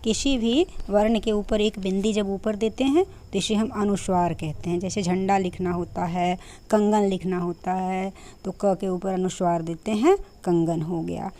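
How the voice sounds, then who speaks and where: A woman teacher walks the class through a grammar lesson at an easy, patient pace. Her voice is soft and mellow, and she pauses on fillers and asks the students questions as she goes. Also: medium pitch, steady tone. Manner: patient explaining, many fillers and rhetorical questions.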